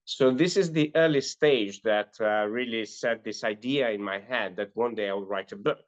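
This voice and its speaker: Earnest and prone to frequent "uh" pauses, a middle-aged man from North Macedonia, a life and business coach, relates his life story as an interview guest. His pitch is fairly low and the sound is lo-fi.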